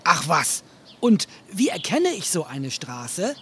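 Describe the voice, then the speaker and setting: A performer voicing Kasper, an excitable, curious puppet jester in a children's audio play. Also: medium pitch, takes it slowly, slight background noise, exaggerated voice. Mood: eager. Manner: curious, asks many questions. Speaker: puppet character.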